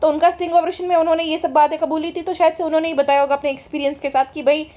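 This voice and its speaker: A woman with a high-pitched voice delivers gossip commentary for an online vlog, talking straight to her viewers. She is sarcastic and scolding throughout, mocking the people she is discussing. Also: flat delivery, rapid-fire, warm tone.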